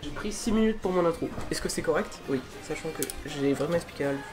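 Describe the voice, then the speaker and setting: Un jeune homme youtubeur parle de façon décontractée et enjouée dans son micro de bureau, chez lui tard le soir. Il plaisante sur lui-même. Une petite musique d'anime passe faiblement derrière. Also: male voice, a little high, fast talker, over music. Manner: chatty, self-deprecating, excited. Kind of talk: casual amateur dubbing vlog. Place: room at home, late at night. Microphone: desk microphone.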